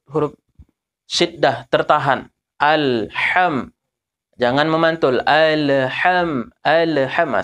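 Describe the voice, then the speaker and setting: A man teaches the proper sounds of recitation. His voice sits slightly high, and he moves at an unhurried pace, stretching out and repeating syllables to show where each letter is formed. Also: fairly bright tone, smooth. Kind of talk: teaching Quran pronunciation.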